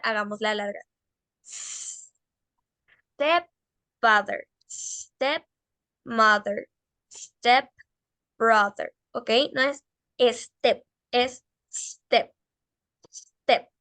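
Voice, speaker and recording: A woman teaching an English class, patiently correcting pupils and slowly drawing out English words. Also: high voice, fairly bright tone, no echo. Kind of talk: online class instruction.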